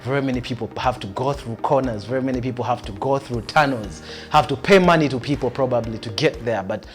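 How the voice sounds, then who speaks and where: A man's voice: medium pitch, quick pace, music in the background. A young man from Tanzania, raised in Uganda, talking about himself in an easygoing, rambling way. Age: young adult. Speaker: guest, actor. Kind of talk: relaxed self-introduction and interview.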